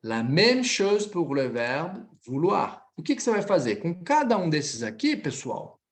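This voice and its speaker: An animated Brazilian man with a fairly high-pitched voice teaches French online in a Brazilian Portuguese accent. He stretches out model pronunciations slowly, with quick explanations in between.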